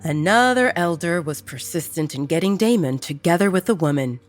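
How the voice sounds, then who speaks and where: A woman narrating a romance audiobook in a steady, even storytelling manner. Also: low-pitched.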